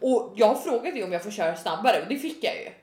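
A woman in her twenties co-hosting a podcast in casual chat, telling a story with energy and acting out her own shouts. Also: medium pitch, animated. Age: 20s. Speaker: podcast co-host. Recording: echoey room.

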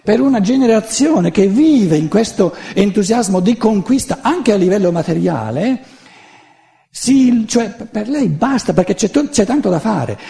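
Older man, lecturer: gravelly, dark voice, lively pitch, rambling delivery with restarts. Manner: animated, digressive, frequent restarts. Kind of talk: public lecture.

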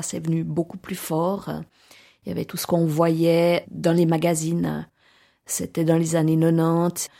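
Low gravelly woman in her forties. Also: darkish tone. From Lausanne region, Switzerland. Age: 40s. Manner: hesitant, reflective, many pauses and fillers. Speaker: interviewee. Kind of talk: personal testimony interview.

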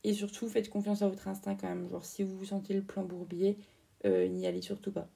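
Gravelly-voiced young woman telling a story. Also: mid-range voice, lively intonation, brisk, warm tone, distant mic. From France. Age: 20s. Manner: chatty, lots of fillers and slang. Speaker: podcast host. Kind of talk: casual storytelling podcast.

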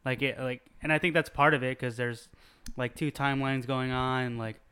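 A man's voice: mid-range voice, fairly even intonation, normal speed, pushed and bright, smooth. A man chatting casually as a podcast co-host, rambling with fillers and laughing often. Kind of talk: casual chat.

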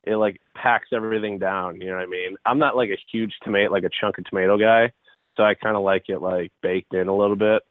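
A man's voice: lowish voice, fairly even intonation, fast talker, no echo. Young man on a tinny phone line. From Chicago area, United States. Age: 20s. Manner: loose and rambling, heavy on filler "like". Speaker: guest, baseball pitcher. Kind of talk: casual interview chat.

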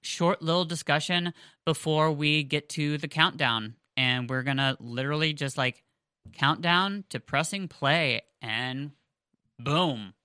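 Here a podcast co-host talks casually, rambling with fillers and false starts; her voice sits low, sharp, clear and resonant, moving at a measured pace. The close-miked, headphoned recording is clean studio sound without echo.

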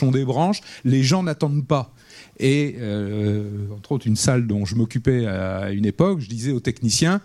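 A man with a mid-range voice moderates a conference session. He introduces speakers and wanders into chatty, anecdotal digressions told with lively emphasis. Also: mid-range voice.

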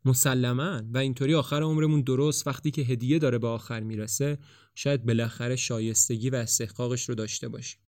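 A man's voice: mid-range voice, fairly even intonation, a little mellow, no room sound, clean studio sound, lightly acted. Anxious young man in a storybook reading, voiced by a man; earnest and searching. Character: anxious, questioning young man facing death. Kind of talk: audiobook dialogue reading.

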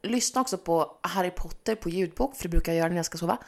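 A woman's voice: fairly low pitch, creaky. A young woman co-hosting a podcast, telling a story animatedly and laughing often. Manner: animated, laughing, acts out shouts. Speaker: podcast co-host. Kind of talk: casual chat, storytelling.

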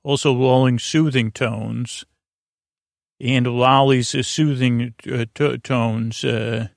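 A man with a gravelly, mid-range voice hosts a sleep podcast, his intonation fairly even and the studio-quality recording free of echo. His soothing, lulling monologue rambles and halts, correcting itself and drifting into frequent tangents.

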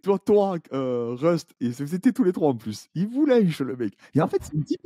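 Male podcast guest, YouTuber; very dark, breathy-edged voice, dry close sound, animated storyteller. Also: a little high, normal speed, no echo. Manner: animated storytelling with many restarts. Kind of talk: casual podcast chat.

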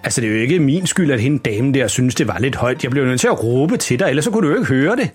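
Brief: man as embarrassing father, loud and eager, husky, very animated delivery. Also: medium pitch, faint music behind. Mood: defensive. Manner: excitable and shouting. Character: loud, overeager embarrassing dad.

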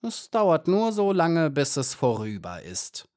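A man's voice: fairly low pitch, very animated, measured pace, no room sound, studio quality. A man voicing a menacing hornet soldier who speaks with mocking, false friendliness and grim threats in an audiobook. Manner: sneering, falsely sweet, grim. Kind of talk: audiobook character voice.

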